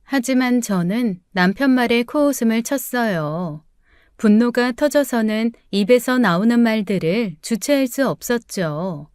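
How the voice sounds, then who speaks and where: A woman narrates a first-person audiobook story with dramatic delivery. Her voice is somewhat high, and the sound is dry and close. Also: lively intonation, a little slow, a little mellow, clean tone, no echo.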